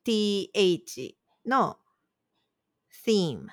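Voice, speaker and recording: A woman's voice: medium pitch, sing-song, moderate pace, fairly bright tone, no echo, clean studio sound. A woman co-hosting a casual podcast, patiently explaining words in a chatty, conversational way. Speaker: podcast co-host posing quiz words.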